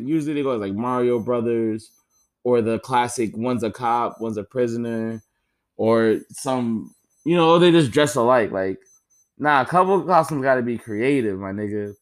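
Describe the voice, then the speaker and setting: Young man, podcast host, casual comedic rant, cursing a lot, mid-pitched voice. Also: moderate pace. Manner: profane, rambling, joking.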